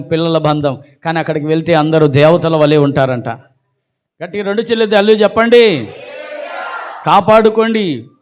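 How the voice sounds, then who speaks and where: A male pastor preaching a sermon, exhorting the congregation with rhetorical questions and calls to shout hallelujah. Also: a little high.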